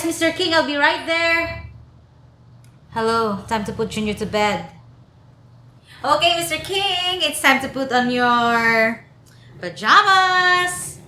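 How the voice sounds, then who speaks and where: A woman's voice: high voice, pushed and bright, reverberant, heavily acted. An actress with a Filipino accent playing a homesick caregiver who switches between English and Cebuano on phone calls. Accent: Filipino, Cebuano-speaking. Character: homesick Filipina caregiver, young woman, busy and tender. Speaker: Filipino home caregiver in a short film. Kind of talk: film drama acting.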